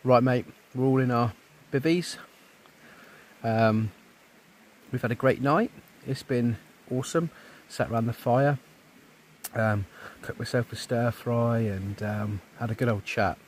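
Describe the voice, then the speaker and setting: A man's voice: medium pitch, a little slow, a little mellow, slight background noise. A man, chatting casually to camera at a woodland camp, easygoing and full of ums. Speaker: outdoor camping vlogger. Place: woodland camp outdoors by a river.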